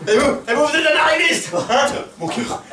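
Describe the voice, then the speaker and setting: High-voiced touchy hypochondriac suitor. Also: male voice, animated, moderate pace. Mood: panicky, ailing. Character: touchy hypochondriac suitor, quarrelsome and self-pitying. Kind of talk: theatrical stage farce. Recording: echoey stage, distant mic, faint noise.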